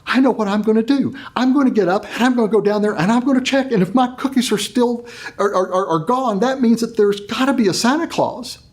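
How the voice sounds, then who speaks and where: A man's voice: extremely high pitch, brisk, pitched above the performer's own voice. A man voicing a four-year-old boy who is hopeful and scared, talking eagerly with stammers. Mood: anxious.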